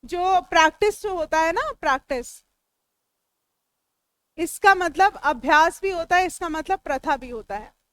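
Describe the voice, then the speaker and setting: A woman's voice: very high-pitched, lively intonation, unhurried, long pauses, fairly bright tone, no room sound. A woman teacher with an Indian English accent, giving a classroom lecture that breaks each word into its parts and answers students as she goes. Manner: explains word meanings step by step, talks back to students.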